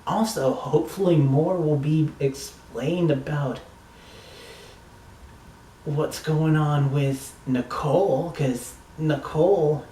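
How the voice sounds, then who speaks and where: A man's voice: fairly high pitch, steady tone, slow, warm tone, echoey room, distant mic, slight background noise, rough recording. A man giving a casual, rambling, enthusiastic review of a TV episode, swearing now and then.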